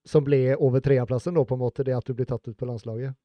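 A man's voice: medium pitch, fairly even intonation, no echo. Man hosting a podcast, lo-fi sound. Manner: short, encouraging interjections. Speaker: podcast host. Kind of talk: casual interview questions.

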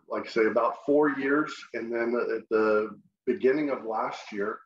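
Here the guest is a friendly middle-aged man from Texas who hosts short-term rentals, speaking with a Texan accent in a relaxed interview. He keeps starting his sentences over. The reverberant audio has its highs cut off, and his medium-pitched voice has a fairly bright tone.

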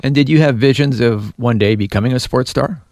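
Gravelly-voiced radio interviewer. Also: male voice, medium pitch, a little fast, darkish tone, no room sound, clean studio sound. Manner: brief, encouraging prompts.

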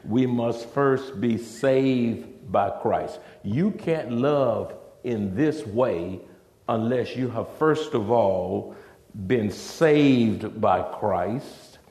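A man's voice: medium pitch, expressive, very slow, a little mellow. A man, a pastor, preaching a sermon at a pulpit microphone in a church sanctuary, emphatic and in short phrases. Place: church sanctuary with seating areas. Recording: roomy church echo.

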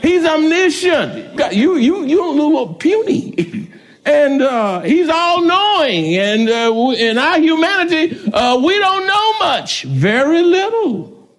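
A man pastor preaching a sermon, shouting out prayers, laughing between lines, speaking. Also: very high-pitched, big pitch swings, slow.

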